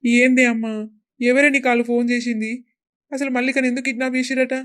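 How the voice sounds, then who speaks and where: A woman's voice: high voice, little pitch movement, quick pace, clean tone, lightly acted. A woman voicing a worried young village husband in a cartoon, pleading anxiously in a Telangana Telugu accent.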